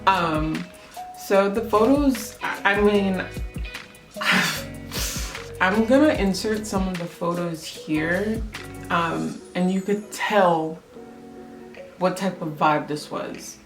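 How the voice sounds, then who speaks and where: A woman's voice: on the low side, drawn-out words, pauses often. A young woman telling a story about her work as a photographer in a casual, chatty way, full of "like" and "um". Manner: chatty, lots of "like" and "um", acts out quotes. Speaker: photographer vlogger. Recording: roomy echo with music underneath.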